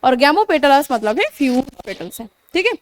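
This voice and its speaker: A woman's voice: high voice, sing-song, brisk, dry recording, studio quality. A young woman teaching biology in a coaching class, explaining terms with frequent check-ins, repeating herself and correcting her own slips. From India. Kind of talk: classroom lecture mixing Hindi and English terms.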